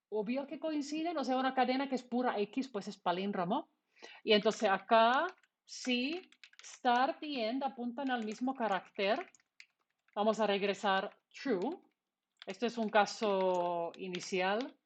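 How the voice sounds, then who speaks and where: A university lecturer whose first language is Finnish teaches coding in an online programming lecture, her voice fairly high. She goes step by step, posing questions and answering them herself.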